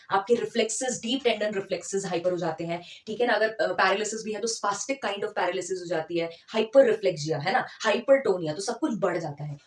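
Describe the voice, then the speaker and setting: Woman lecturer, chatty teaching tone, mid-pitched, recorded a bit off-mic in a roomy space. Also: far from the mic. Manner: conversational teacher, checks in with listeners. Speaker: physiotherapy lecturer. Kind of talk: explanatory lecture, Hindi mixed with English terms. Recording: echoey room, voice from off the mic.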